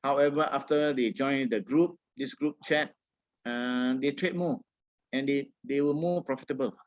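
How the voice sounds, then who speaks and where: A man's voice: mid-range voice, normal speed, dull audio. A man with a Singaporean accent speaking as a trading coach in an informal webinar, colloquial and encouraging, with frequent tag words. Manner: colloquial Singlish with tags like "all right" and "lah". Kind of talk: informal webinar presentation with audience questions.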